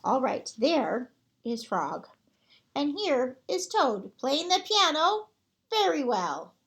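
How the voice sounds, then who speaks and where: A woman librarian reading a picture book aloud to children, gentle and expressive. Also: high-pitched, slow pace.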